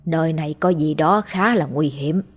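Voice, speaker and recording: A woman doing a gruff, scolding old grandfather. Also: low-pitched, normal speed. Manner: scolding, coarse cursing.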